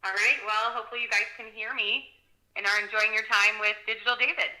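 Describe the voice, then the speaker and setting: A woman's voice: on the high side, steady tone, fast, bright, forceful tone. A woman on a phone call, heard through a phone on speakerphone and giving brief, plain replies. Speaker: host's wife on a phone call. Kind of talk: casual phone chat. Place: on the far end of a phone line, played into a studio mic.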